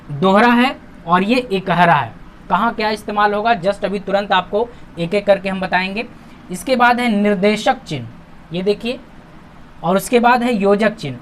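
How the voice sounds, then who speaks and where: A man's voice: high-pitched, slight background noise. Patient male grammar teacher. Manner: patient, repeats points and asks himself questions to answer them; reads example sentences slowly and with emphasis. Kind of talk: classroom-style lesson explaining on-screen examples.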